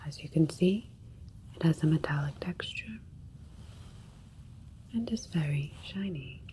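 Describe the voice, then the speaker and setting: In an ASMR roleplay, a woman with a low voice plays a calm, clinical female alien doctor, soothing and methodical in a soft, breathy whisper. She speaks unhurriedly, with a little hiss or hum in the recording.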